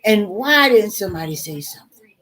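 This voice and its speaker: A middle-aged woman telling a story casually to her viewers, animated and exasperated, calling the listener "girl". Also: mid-range voice, fairly quick. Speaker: vlogger.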